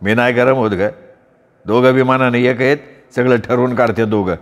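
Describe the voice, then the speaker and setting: A man's voice: medium pitch, steady tone, normal speed, in a large hall, natural voice. A man playing a proud, hot-tempered village husband. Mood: defiant. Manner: blunt and scornful.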